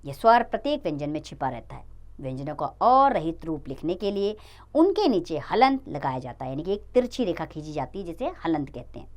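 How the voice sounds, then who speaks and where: A woman's voice: sits low, brisk. A woman teaching a grammar lesson to children, explaining patiently and calling them "children" as she goes. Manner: addresses children, lively sing-song explaining.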